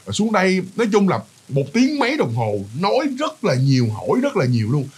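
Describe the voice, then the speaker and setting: A man's voice: high voice, wildly swooping pitch, fairly quick, darkish tone, breathy edge. A man with a Southern Vietnamese accent, telling a ghost story casually, chatty and full of fillers and repeats, talking straight to his listeners.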